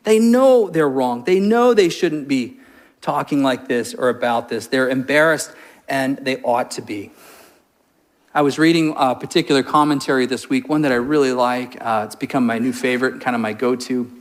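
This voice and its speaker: A man's voice: medium pitch, normal speed. A man preaching a sermon as a pastor, telling a funny story with lots of jokes before turning to scripture teaching. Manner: storytelling, animated and joking.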